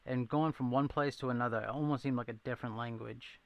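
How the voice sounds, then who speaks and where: A man's voice: mid-range voice, fairly even intonation, quick pace, dry recording, muffled recording. A man hosting a casual live stream, rambling and chatting with viewers and answering their comments. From southeastern Massachusetts. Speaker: livestream host.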